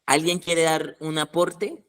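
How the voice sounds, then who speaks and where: Animated preacher man. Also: on the high side, slow pace. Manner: animated, acts out scenes, asks listeners questions. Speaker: pastor. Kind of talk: teaching sermon.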